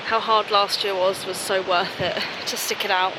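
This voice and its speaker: A woman's voice: mid-range voice, flat delivery, moderate pace. Young girl vlogging, out of breath after being sick, lots of noise in the background. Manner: chatty, grateful, laughs often. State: out of breath, recovering from illness. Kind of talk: casual vlog chat to camera. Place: outdoors on a walk, then at home.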